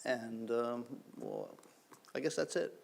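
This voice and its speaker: A man leading a synagogue service, reciting blessings and giving announcements in a relaxed, conversational way with many fillers. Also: mid-range voice, slow, gravelly, a little hiss or hum. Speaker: service leader. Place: synagogue sanctuary.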